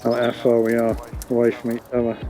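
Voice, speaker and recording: With music in the background, a British man tries out a wireless intercom by a riverside path, chatting casually and unscripted through the headset. His mid-range voice is mellow, fairly quick and completely flat, and the audio quality is poor.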